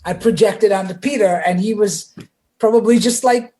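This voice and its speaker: A man chats as a guest on a podcast, telling stories in an animated way. He slips in and out of the voices of the people he quotes, with frequent "like" fillers. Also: high voice, moderate pace, a little hiss or hum. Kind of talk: casual storytelling chat.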